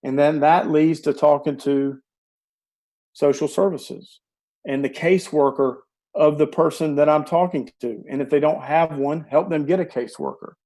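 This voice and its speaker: Speaking through an earbud headset on a video call, a guest in his forties carefully and earnestly walks through practical steps even as his voice is giving out. His voice is fairly high and mellow, at a moderate pace.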